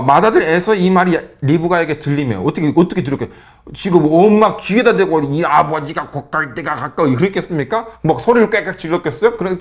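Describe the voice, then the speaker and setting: A man teaching about a Bible character in a joking, lively way, full of rhetorical questions. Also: high-pitched. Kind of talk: humorous Bible character talk.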